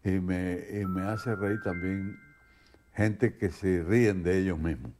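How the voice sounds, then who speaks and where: An older man answering interview questions in a relaxed way and telling short anecdotes. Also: low voice, slow pace, music in the background.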